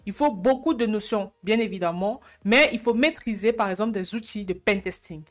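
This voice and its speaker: A woman's voice: medium pitch, brisk. A woman hosting an informal explainer, often posing questions to the viewer and answering them herself. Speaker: YouTube channel host.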